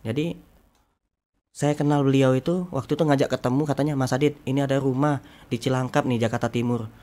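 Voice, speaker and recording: A man's voice: steady tone, a little fast. A young man, a talk show guest, telling a story with lots of animation and acting out every line of dialogue. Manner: acts out dialogue, swinging pitch and loudness.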